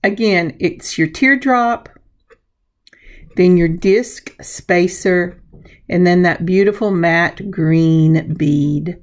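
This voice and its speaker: A woman with a gravelly voice gives casual hands-on craft instruction, chatting and narrating her own steps in an unhurried way. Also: on the low side. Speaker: craft tutorial host.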